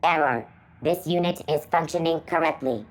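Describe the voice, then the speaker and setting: A woman's voice: low-pitched, normal speed, a little hiss or hum, lightly acted. A woman voicing a malfunctioning robot unit in a video game, stuttering and repeating error words as it glitches.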